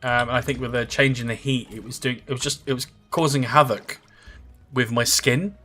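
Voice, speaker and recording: A man in his thirties livestreams a game and chats casually with viewers, rambling with lots of fillers and answering comments. His mid-range voice has a sharp tone, fairly even intonation and a moderate pace, with faint music in the background.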